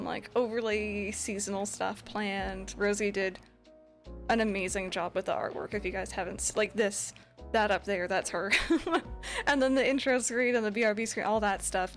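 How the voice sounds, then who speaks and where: A woman of middling pitch co-hosting a relaxed livestream podcast. She laughs easily and fills her speech with ums and likes. Soft music runs faintly underneath. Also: creaky. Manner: giggly, many ums and likes. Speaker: co-host streamer. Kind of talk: casual stream chat.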